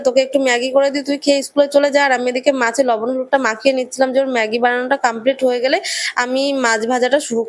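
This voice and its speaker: Young female village vlogger, Bengali accent, brisk chatty voice-over, dry close sound, sounds a bit run down. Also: sits high, no room sound. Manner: warm, rambling, addresses viewers directly. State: unwell and tired. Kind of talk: chatty voice-over narrating chores.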